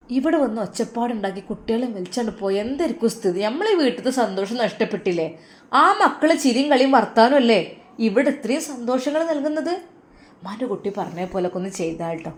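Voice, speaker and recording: A caring grandmother with a Malappuram accent, voiced by a woman, coaxing and tender in a storybook tale. Her voice is soft and quiet. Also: a little high, lightly acted. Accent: Malappuram Malayalam. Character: caring grandmother, worried and kind.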